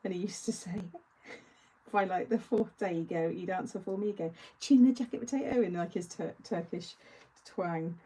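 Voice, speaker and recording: A woman's voice: lowish voice, fairly even intonation, normal speed, dark tone, a little hiss or hum, low-quality recording. A woman hosting a live craft-along, chatting casually and answering viewer comments as she works. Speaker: craft show host.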